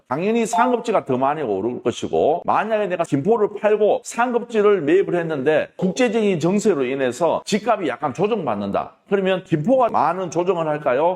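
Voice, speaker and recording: A middle-aged man, stuffy-nosed from a cold, gives an emphatic, lecture-style talk as a real estate auction mentor, packed with rhetorical questions and closing points with "that is what I mean". His voice is fairly high with a darkish tone, heard in a big-room sound.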